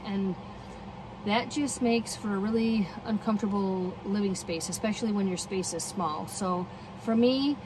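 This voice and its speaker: A middle-aged woman chatting casually on her van camping vlog, upbeat and thinking aloud as she shows things around her parked minivan. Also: mid-range voice. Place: inside a parked minivan, heater running. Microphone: phone camera held or mounted close. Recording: steady heater noise behind.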